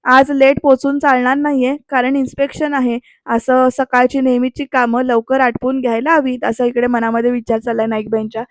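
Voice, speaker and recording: A woman's voice: high-pitched, little pitch movement, fairly quick, hardly any pauses, no echo, clean studio sound. A woman giving a chatty voice-over retelling of a TV serial episode, speaking straight to the viewers. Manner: chatty, addresses viewers directly with tag phrases. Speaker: serial reviewer. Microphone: close mic, voice-over.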